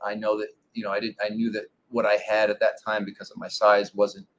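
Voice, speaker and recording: A man in his forties, a former pro ballplayer, telling stories in a relaxed interview with lots of fillers. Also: lowish voice, brisk. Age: 40s. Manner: relaxed storytelling with many fillers. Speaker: guest, former pro baseball pitcher. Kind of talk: casual interview.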